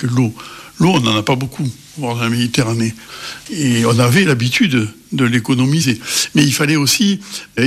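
A man's voice: medium pitch, husky. Emphatic man explaining with feeling. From Cévennes, France. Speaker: guest expert.

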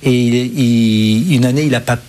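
A man's voice: mid-range voice, normal speed, warm tone. Hesitant French man with faint hiss. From France. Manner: hesitant, many restarts and fillers. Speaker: guest author. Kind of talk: television interview.

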